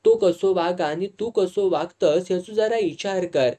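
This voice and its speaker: A blunt, caring village matron from a storybook reading speaks with a Malvani accent, as a reader puts her on. She is firm and scolding, and her voice sits mellow and dark. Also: medium pitch, a little slow, close to an everyday voice. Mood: pleading. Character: stern middle-aged village woman, blunt and caring.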